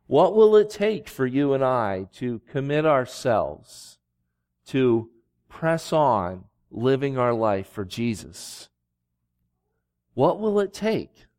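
A man preaching as a pastor, reading scripture and speaking to a congregation in a deliberate, pausing way. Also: medium pitch, clear, resonant tone. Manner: slow, deliberate, with long pauses.

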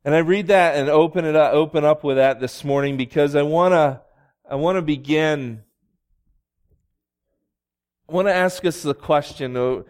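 A man preaching as a pastor, reading scripture and speaking to a congregation in a deliberate, pausing way. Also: fairly high pitch, a little mellow. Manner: slow, deliberate, with long pauses.

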